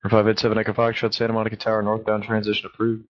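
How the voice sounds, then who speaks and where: Flat, low-voiced male air traffic controller. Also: rapid-fire. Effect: aviation radio transmission. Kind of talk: clipped radio phraseology. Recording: muffled band-limited radio transmission.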